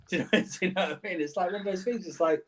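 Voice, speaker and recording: A man on a football podcast panel, talking in an animated way, laughing and repeating himself as he makes his points. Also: high voice, quick pace. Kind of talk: casual football chat.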